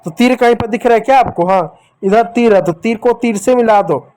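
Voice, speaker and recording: A man teaching children to read, slowly sounding out letters and syllables and coaxing them to repeat after him. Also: very high voice, a little mellow. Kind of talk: children's reading lesson.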